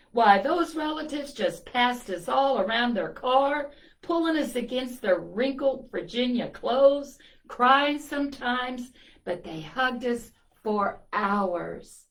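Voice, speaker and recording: A storytime reader with a somewhat high voice reads a children's picture book aloud, slow and highly animated, with little asides to the kids listening. The audio quality is poor.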